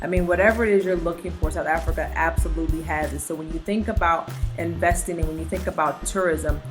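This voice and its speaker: Deep-voiced woman from Virginia. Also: quick pace, over music. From Virginia, USA. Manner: relaxed, with frequent fillers. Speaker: physical therapist turned travel business co-owner. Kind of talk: casual conversational storytelling.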